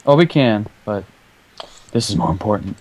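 A man with a fairly low voice chats casually while he plays a game with a friend. He stays laid-back, jokes around and laughs easily. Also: lively intonation, normal speed, darkish tone. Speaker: co-player. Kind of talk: casual gameplay chat.

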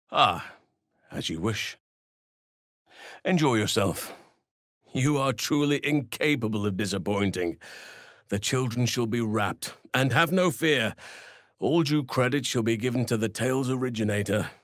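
A male actor with a lowish voice plays a gentle, earnest druid who guards children in a fantasy game. His lines are formal, measured and courtly, recorded at studio quality with no echo.

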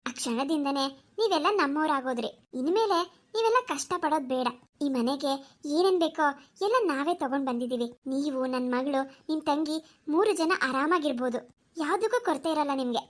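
A woman's voice: high-pitched, lively intonation, fairly quick. A woman voicing a kind but scolding middle-aged mother in a cartoon, with a soothing yet firm way of talking. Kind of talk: cartoon voice acting.

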